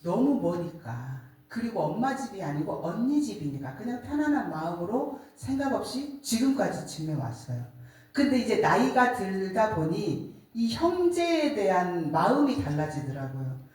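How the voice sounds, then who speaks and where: Middle-aged woman sharing a sermon testimony, lively expressive pitch, recorded from a distance in an echoing room. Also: moderate pace. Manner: animated storytelling, acts out quoted voices. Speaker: church speaker giving a testimony. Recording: echoey room, distant mic.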